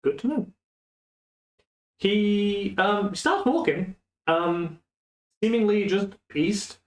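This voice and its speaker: A man running a tabletop game as game master, talking in a relaxed, hesitant way with many fillers. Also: high voice, slow, roomy sound, rough recording.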